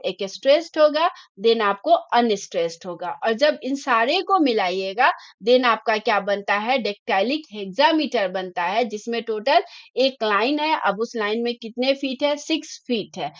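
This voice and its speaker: Slow, patient woman teacher. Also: sits high, dry recording, highs cut off. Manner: explains slowly, mixing English terms into Hindi. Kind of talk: online exam-prep lecture.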